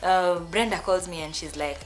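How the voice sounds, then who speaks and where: Young Kenyan woman, lower voice, vlogging a storytime with lively emotion and restarts over soft music. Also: moderate pace. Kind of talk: storytime vlog.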